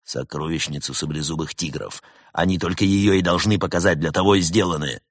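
Low-voiced male reader as a curt, cool snow leopard spy, husky and deadpan, dry studio sound. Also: fairly quick, no echo. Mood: curt, sardonic.

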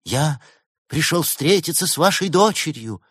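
A man's voice: a little high, lively intonation, measured pace, a bit bright, breathy edge, dry recording, clean studio sound, voice pushed up, full character voice. A man voicing a lovelorn tragic male fox actor, speaking melodramatically in a dead, mournful voice. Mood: stubborn.

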